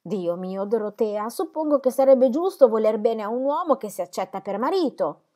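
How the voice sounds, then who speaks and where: A woman reading aloud and voicing Celia, a sharp, teasing young woman who talks in a quick, insistent way. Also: a little high, pitched above the performer's own voice.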